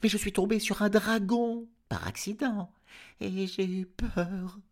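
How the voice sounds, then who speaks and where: A man's voice: sits high, fairly even intonation, a little slow, voice pushed up. A man voicing a frightened, panting male farm dog in a read-aloud storybook, with squealing, panicky cries. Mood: nervous. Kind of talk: audiobook character voice.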